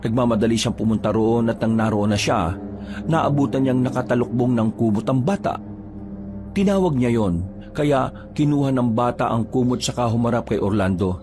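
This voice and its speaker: A man reading a folk horror tale aloud as a storyteller, in a measured, storytelling way. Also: medium pitch. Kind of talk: scripted horror story narration. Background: background music.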